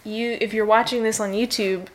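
A woman's voice: mid-range voice, steady tone, moderate pace. A young woman chatting casually with a friend, agreeable and giggly. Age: young adult. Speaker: co-host. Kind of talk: casual chat.

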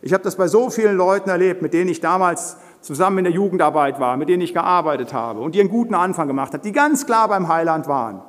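An older man preaching a sermon in a church hall, blunt and forceful in his delivery. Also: sits high, fast talker, hardly any pauses.

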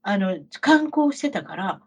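A middle-aged woman co-hosting a podcast tells her travel stories with animated Kansai auntie energy, chatting casually and often turning to the listener with rhetorical questions; her accent is Kansai Japanese. Her voice is mid-range and slightly rough, and she speaks a little slowly.

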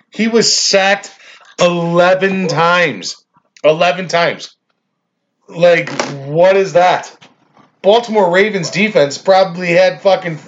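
Swearing guy ranting thru a football recap, kinda high voice, muffled low-fi audio. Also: fairly bright tone. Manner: profane, exasperated rants. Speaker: fantasy football podcaster. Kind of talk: casual sports recap.

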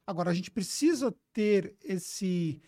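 A man interviewing a guest in a relaxed, reflective, conversational way. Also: high voice, unhurried, no echo, clean studio sound. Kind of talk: casual interview talk.

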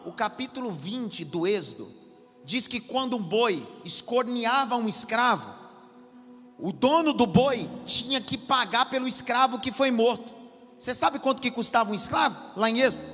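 A man's voice: very high voice, lively intonation, normal speed, fairly bright tone. A man, a pastor preaching a sermon, often repeating his lines as he builds intensity. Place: church hall. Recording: hall reverb with faint music.

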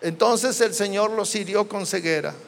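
High-voiced Mexican preacher in a reverberant hall. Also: male voice, normal speed, gravelly. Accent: Mexican Spanish. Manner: dramatic storytelling, acting out biblical dialogue. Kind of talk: sermon. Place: church hall. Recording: long church-hall reverb.

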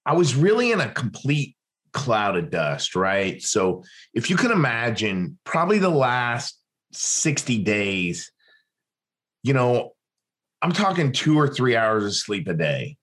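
A man's voice: medium pitch, sing-song, slow pace, a bit bright. A man, a podcast guest, telling a story in conversation and acting out the dialogue of the people in it.

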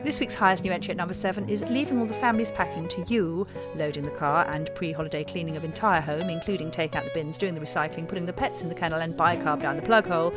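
A middle-aged woman hosting a scripted comedy podcast, delivering a countdown of her husband's habits in a dry, exasperated way. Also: lowish voice. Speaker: host. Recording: music bed behind the voice.

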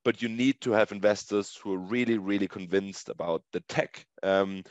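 A man with a fairly low voice speaks in a muffled, echoey recording. He answers interview questions as a company founder, explaining things conversationally and often tagging his points with a questioning "right?". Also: steady tone, normal speed. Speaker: startup co-founder being interviewed. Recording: muffled lo-fi audio, echoey room.

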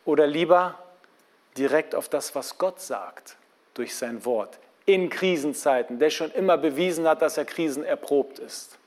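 A man preaching a sermon in a lively, conversational way, asking his listeners questions. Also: on the high side, a little slow.

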